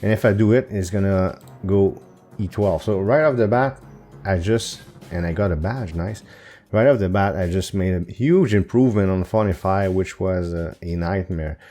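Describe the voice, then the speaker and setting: Deep mellow man musing over a game. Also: moderate pace, faint music behind. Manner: thinking aloud, hesitant with fillers, self-correcting. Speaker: gaming channel host. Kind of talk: casual gameplay commentary. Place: home recording setup.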